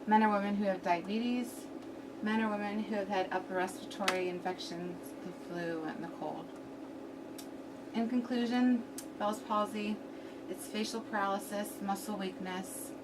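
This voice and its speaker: A woman's voice: medium pitch, fairly even intonation, normal speed. A young adult woman giving a prepared student presentation to a class, her speech slightly numb and impaired on one side of the mouth. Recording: distant mic, clearly noisy room recording.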